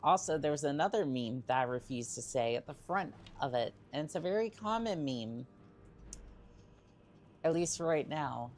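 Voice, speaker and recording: A woman's voice: deep voice, lively intonation, moderate pace, a little mellow, slight background noise. A woman livestreaming a video game, chatting casually with playful teasing and hesitant musing aloud. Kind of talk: casual chat over gameplay with in-character asides.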